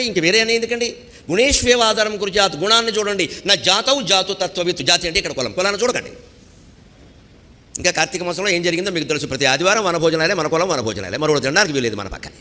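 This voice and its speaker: A man's voice: high voice, pushed and bright, long reverb tail. A man giving a devotional discourse, asking rhetorical questions and quoting Sanskrit verses. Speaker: spiritual speaker.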